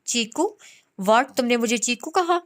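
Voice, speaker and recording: A woman's voice: fairly high pitch, expressive, moderate pace, lightly acted. A woman voicing a short-tempered, proud young husband who scolds his wife in a romance audiobook. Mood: indignant. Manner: angry, scolding.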